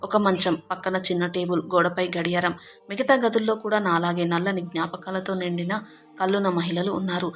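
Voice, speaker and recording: A woman's voice: fairly low pitch, steady tone, fairly quick. A woman narrating a first-person audio story in the tender, grieving voice of a mother.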